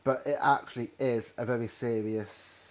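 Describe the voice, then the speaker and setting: A man's voice: mid-range voice, steady tone, moderate pace. Rambling man chatting while gaming. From North Wales. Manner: rambling, self-correcting storyteller. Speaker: gamer playing a train simulator. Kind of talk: casual gameplay commentary.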